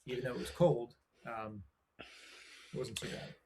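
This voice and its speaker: A man's voice: mid-range voice, little pitch movement, unhurried, creaky, a little mellow, breathy edge. A man co-hosting a casual podcast, easygoing and loose, with many fillers. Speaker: podcast co-host. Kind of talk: casual live-stream chat.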